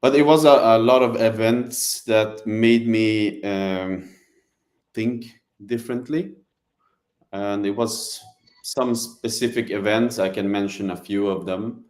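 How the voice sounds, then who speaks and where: Male guest from Sweden, deep low voice, slow and measured delivery, pauses to think. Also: steady tone, a little mellow. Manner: measured, hesitant, with many ums. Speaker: guest, real estate advisor. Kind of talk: casual interview.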